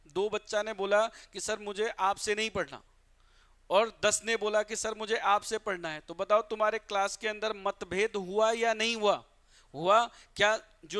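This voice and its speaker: This Bihari teacher, a man from Bihar, India, leads a live online English grammar lesson with a high-sitting voice that is pushed and bright, clear and resonant. He addresses students as "beta," poses and answers his own questions, and slowly reads out English examples.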